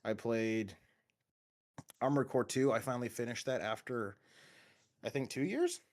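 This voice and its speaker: A man's voice: medium pitch, a little slow. A man co-hosting a casual gaming podcast, talking in long rambling runs with many restarts and fillers. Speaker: podcast co-host.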